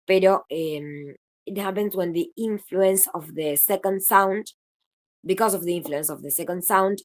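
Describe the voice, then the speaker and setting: A woman's voice: lowish voice, darkish tone. A young woman from Argentina with a Rioplatense Spanish accent, casually explaining phonetics to a study group, mixing English terms in and correcting herself as she goes.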